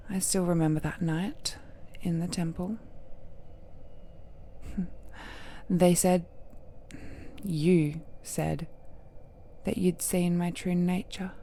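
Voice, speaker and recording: A woman acts an ancient cursed villainess in a romantic audio drama, her lowish voice dark, soft and slightly gravelly, possessive and brooding. Wounded and regretful, she speaks slowly and intimately, breathy and half-whispered, with dramatic pauses, soft sighs and chuckles, over a faint background noise.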